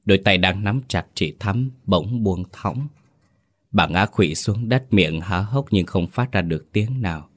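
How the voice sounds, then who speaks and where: A man narrating a ghost story in a steady, dramatic way. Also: sits low, measured pace.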